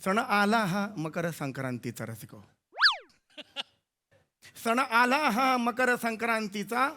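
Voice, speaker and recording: An actor playing a bumbling, pompous compere in a stage comedy sketch, flustered and tripping over names. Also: male voice, sits high, expressive, slow pace, bright, forceful tone, full character voice. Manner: flustered, fumbles names and words. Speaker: comic compere character.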